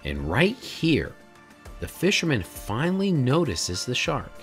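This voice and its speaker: A man in his forties, the channel's host, narrating a documentary voice-over in a measured, explanatory way with rhetorical questions. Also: medium pitch, wildly swooping pitch, soft background music. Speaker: drone videographer and channel host. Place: home studio room, indoors.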